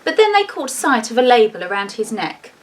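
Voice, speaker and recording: This schoolteacher reads to children in a fairly high, very animated voice, going a little fast. She gives the storybook an expressive reading, with chatty, informal asides as she holds up the pictures. The sound comes from a distant mic, with faint noise behind it.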